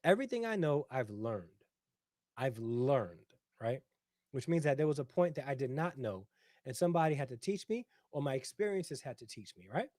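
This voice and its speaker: Big pitch swings mark this middle-aged host's mid-range, slightly mellow voice as he speaks at normal speed. Talkative and repetitive, he reads viewer comments on a casual livestream and often checks in with "right?" The studio-quality audio has no echo.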